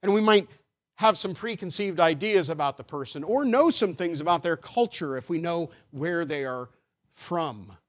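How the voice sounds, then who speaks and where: Man, pastor, sermon, emphatic rhetorical questions, somewhat high-pitched voice. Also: normal speed.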